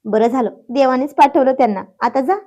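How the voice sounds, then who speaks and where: A woman's voice: high voice, a little fast, warm tone, muffled recording. A woman voicing a shy young wife who giggles and scolds bashfully. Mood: giggling.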